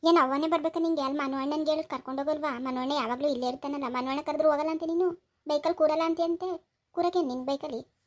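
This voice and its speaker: Young woman vlogger, high voice, chatty village tour. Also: steady tone, quick pace. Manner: chatty, addressing viewers as friends. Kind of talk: comic village vlog.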